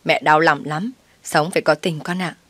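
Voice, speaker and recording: A woman's voice: low voice, steady tone, normal speed, fairly bright tone, no room sound. A woman voicing a meddling older mother-in-law who scolds and pushes in a told story. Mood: scolding. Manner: scolding, pushy.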